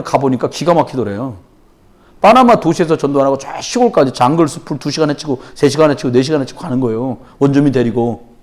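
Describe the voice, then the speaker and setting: A man preaching at a church prayer meeting, telling stories and acting out quoted voices, dropping to low murmurs and then rising to loud exclamations. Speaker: pastor. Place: church sanctuary.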